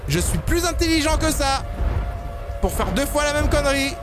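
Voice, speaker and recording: High-voiced excitable young gamer guy. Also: moderate pace. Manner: excitable, yelps and screams when scared, slangy. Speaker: gaming YouTuber. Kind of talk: let's play commentary. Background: game music.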